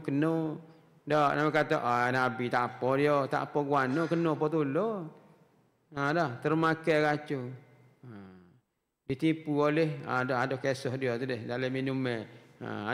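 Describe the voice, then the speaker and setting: A man with a Kelantan Malay accent giving a weekly mosque lecture as a religious teacher, talking conversationally with rhetorical questions and frequent "ha" interjections. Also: on the high side. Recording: long mosque hall reverb.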